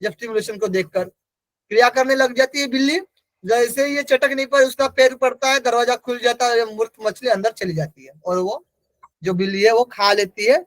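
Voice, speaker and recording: A man teaches an exam-prep class in a strikingly high voice. He keeps asking the class questions, answers them himself and repeats each key term. The sound is close and dry, with no room around it. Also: steady tone, normal speed, no echo, low-quality recording. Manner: repeats key terms for emphasis.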